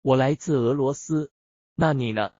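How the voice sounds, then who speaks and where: A man giving quick, matter-of-fact translations in a language lesson. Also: medium pitch, dark tone, no room sound, highs cut off.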